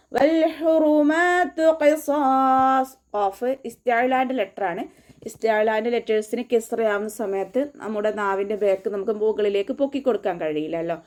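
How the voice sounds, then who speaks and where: Patient woman teaching recitation, mellow voice. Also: mid-range voice. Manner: patient and methodical, gives mouth and tongue placement cues. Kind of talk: tajweed lesson, slow line-by-line instruction.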